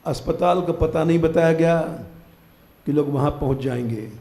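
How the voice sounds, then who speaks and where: A man's voice: on the high side, moderate pace, mellow, roomy sound. An older man giving a live devotional discourse as a spiritual teacher, urging his listeners firmly to wake up and keep their vows. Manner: exhorting, commanding listeners to wake up. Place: temple hall, live gathering.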